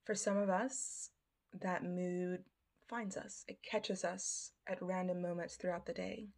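A woman hosting a podcast, speaking in a reflective, deliberate monologue with pauses. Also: fairly low pitch, fairly even intonation, creaky, a little mellow. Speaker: podcast host.

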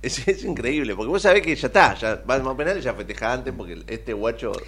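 A man with an Argentine accent, hosting a radio show in casual chat, animated and laughing often as he tells stories. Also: medium pitch, a little fast, slightly rough. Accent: Argentine (Rioplatense). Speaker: radio host.

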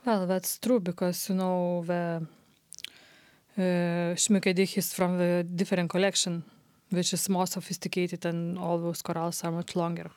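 A woman organist talks through pieces in a measured, agreeable way. Her voice sits somewhat low and stays flat in tone. The recording is dry and close. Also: clear, resonant tone, no echo. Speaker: organist and podcast co-host. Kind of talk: casual discussion.

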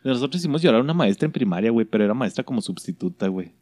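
A young man with a Mexican accent chatting casually, answering with quick slangy replies. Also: medium pitch, expressive, a little mellow, no echo. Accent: Mexican Spanish. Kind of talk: casual chat.

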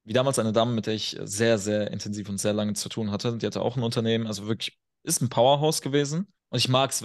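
A man's voice: fairly low pitch, gravelly. A man chatting on a podcast as a guest coach, telling stories in a blunt, self-assured way. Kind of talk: casual podcast chat.

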